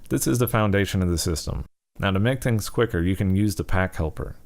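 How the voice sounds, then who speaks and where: A man with a low voice narrates a software tutorial at a brisk pace. He walks learners through it step by step in an informal, instructional way.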